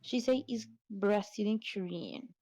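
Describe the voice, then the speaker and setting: A woman's voice: medium pitch, unhurried, mellow, no room sound, poor audio. Woman streamer, blunt and sweary, takes her time, dry close sound. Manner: blunt, swears a lot, nonnative English. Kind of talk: casual chat.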